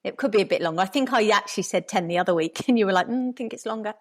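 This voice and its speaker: A woman's voice: medium pitch, racing. Chatty, jokey woman host. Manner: jokey, chatty, laughs often. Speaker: podcast host. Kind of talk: casual interview chat.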